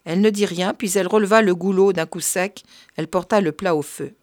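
A woman narrating a story in a measured, even reading voice. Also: on the low side, no echo, studio quality. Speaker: reader.

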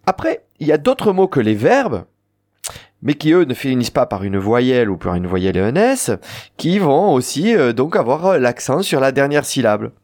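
This radio language lesson features a male Occitan teacher from southern France who carries that region's accent. His voice is medium-pitched and darkish, very animated at a normal speed, and he patiently explains the rules with spoken examples.

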